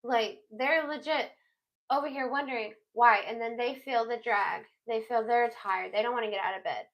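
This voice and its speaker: Woman, blunt chatty tarot reading, casual swearing, a bit high-pitched. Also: normal speed, poor audio. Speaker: tarot reader.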